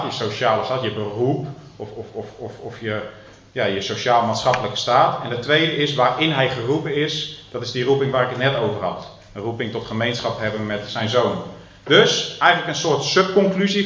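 A man preaching a sermon, taking his time with pauses and pressing down on the words he wants to land. His voice sits a little high for a man. The sound is roomy and a bit muffled, as if captured from across a hall. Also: a bit bright. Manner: teaching with many hesitations and slow emphatic stresses. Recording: echoey room, muffled lo-fi sound.

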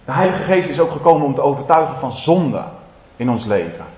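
A man's voice: very animated, brisk. Emphatic male preacher in a roomy hall. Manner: emphatic, building to loud proclaiming, then dropping low and intimate; colloquial asides to the congregation. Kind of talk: sermon. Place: church service. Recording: roomy, slightly dull hall sound.

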